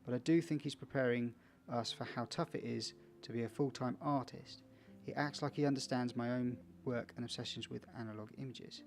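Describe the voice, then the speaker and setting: This man's voice sits at medium pitch with a slightly mellow quality. He's a let's player streaming a video game, casually reading the on-screen text aloud, stumbling a little and adding chatty asides.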